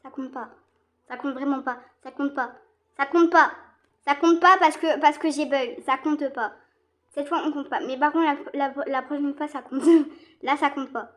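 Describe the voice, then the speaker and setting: A young woman from France giving casual, excitable commentary while she plays a game online, repeating herself and using slang. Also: high-pitched, moderate pace. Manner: slangy teen talk. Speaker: gaming streamer.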